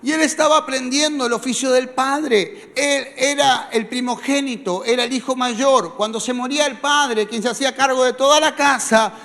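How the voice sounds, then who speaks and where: A man's voice: extremely high pitch, moderate pace, few pauses, bright, forceful tone. A man with a Rioplatense Spanish accent preaching a sermon as a pastor, talking to the congregation in a conversational way with questions and fillers. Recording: long reverb of a large hall.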